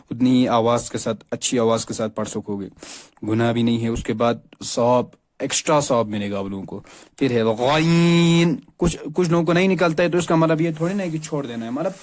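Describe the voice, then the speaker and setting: A man teaching a Quran reading lesson, slowly drawing out and repeating each letter sound and correcting common mispronunciations. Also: fairly high pitch. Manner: corrective, explaining pronunciation.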